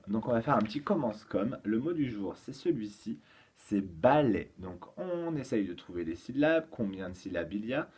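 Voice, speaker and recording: Male teacher, patient and slow, for small children, lots of hesitations. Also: medium pitch, mellow, slightly rough. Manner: patient, explains slowly with many fillers. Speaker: kindergarten teacher. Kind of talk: home-schooling lesson for young children.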